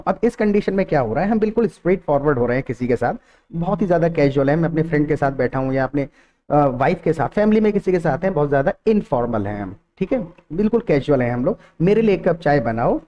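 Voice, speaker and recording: A man teaching a spoken English lesson. He explains in Hindi and says the English example sentences slowly, repeating each one. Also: fairly high pitch, expressive, muffled recording.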